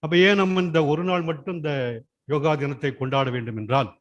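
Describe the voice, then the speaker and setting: A man's voice: a little high, lively intonation, brisk, highs cut off. A man giving an explanatory speech at a school yoga day event, posing rhetorical questions and answering them himself. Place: school function.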